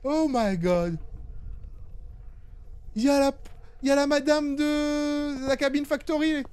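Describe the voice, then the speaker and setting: A man's voice: extremely high pitch, monotone, normal speed, darkish tone. A man commentating a horror game as a panicking gamer, jumpy, exclaiming and swearing. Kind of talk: gaming commentary with reading of on-screen text.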